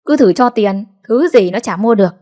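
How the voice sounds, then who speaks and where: A woman voicing a bitter, sharp-tongued old mother-in-law who scolds and snaps at her family. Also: mid-range voice, brisk, close to an everyday voice. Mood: snapping. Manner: scolding, snapping, grudging.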